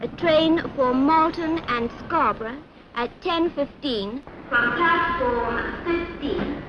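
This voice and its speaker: Echoing high-pitched woman calling out station announcements. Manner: formal, measured reciting of trains and platforms. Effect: public address loudspeaker. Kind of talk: loud, stretched public station calls. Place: railway station with trains behind. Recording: echoing, distant, muffled loudspeaker, very noisy station.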